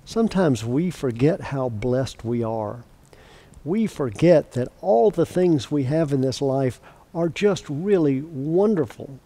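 A man reading a picture book aloud for a church storytime, then giving a short lesson, in a gentle, deliberate way. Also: fairly high pitch, expressive.

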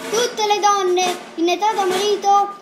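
A woman voicing a pompous town crier, proclaiming loudly in a puppet fairy tale with music behind. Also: extremely high pitch, steady tone, unhurried. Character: town crier announcing royal ball, loud and pompous.

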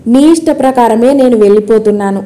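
A woman's voice: on the high side, brisk, mellow, close to an everyday voice. A woman reading as a teasing male hill spirit. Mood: taunting.

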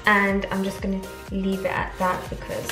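A woman's voice: mid-range voice, completely flat delivery, normal speed, recorded from a distance. A young woman, chatting to viewers while she cooks in a home kitchen. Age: young adult. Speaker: vlogger. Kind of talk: casual cooking vlog. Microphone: camera mic on the counter. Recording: echoey kitchen, voice off-mic, music behind.

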